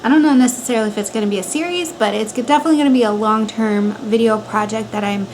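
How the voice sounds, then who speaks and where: Talking rapid-fire in a fairly high voice, a woman in her twenties from Montana delivers an informal, chatty how-to vlog from her bedroom. Her accent is American, the recording is low quality, and an electric fan runs steadily behind her.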